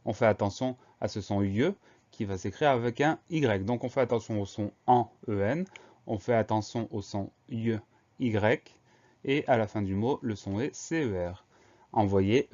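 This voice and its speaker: A man's voice: lowish voice, unhurried, dark tone, lo-fi sound. A man teaching a spelling lesson, patiently breaking words into syllables and spelling them out letter by letter.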